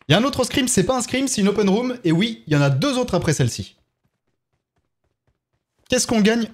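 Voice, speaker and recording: A man with a French accent hosts a casual live game stream. His voice sits slightly high and moves animatedly from phrase to phrase. He keeps up a running chat, thanking viewers one after another. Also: animated, brisk. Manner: chatty, thanks viewers one by one while playing.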